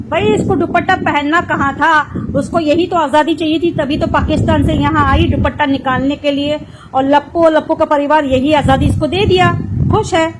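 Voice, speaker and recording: A woman's voice: high-pitched, heavy background noise. A woman vlogger reading viewer comments aloud in a sarcastic, teasing way. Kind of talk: mocking commentary vlog.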